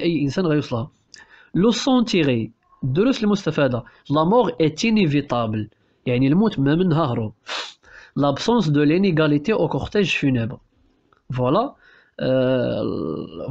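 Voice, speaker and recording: A man with a Moroccan Arabic accent teaching a French novel for exam prep, explaining quickly and switching between languages with many restarts. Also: a little high, a little mellow, muffled recording.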